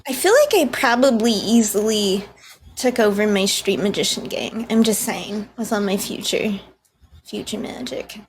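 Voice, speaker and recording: A woman's voice: mid-range voice, lively intonation, moderate pace, slight background noise. A woman joking playfully as a player in a tabletop game chat.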